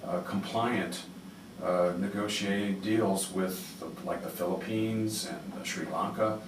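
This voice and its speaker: Low-voiced, rambling male public radio host. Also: fairly even intonation, measured pace. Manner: rambling, hesitant, digressive. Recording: roomy, noisy, distant-mic radio interview.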